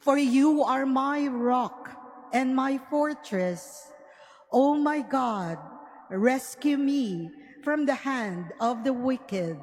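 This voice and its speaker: Female lector, high voice, extremely slow solemn psalm phrases, long church reverb. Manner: short, separated phrases. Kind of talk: solemn liturgical psalm reading. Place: large cathedral, microphone through sound system. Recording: cathedral reverb, faint background noise.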